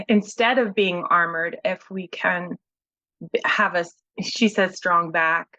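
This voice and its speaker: A woman with a fairly low, sharp voice speaks slowly over a video call, and the recording quality is poor. She talks reflectively about personal matters, hesitating, searching for words and using many fillers as she converses.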